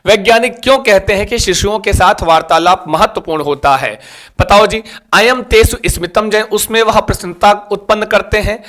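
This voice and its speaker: A man's voice: sits high, normal speed, fairly bright tone. A man teaching a live online exam-prep class, quizzing students and coaxing them over and over to like and share. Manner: repetitive, coaxing.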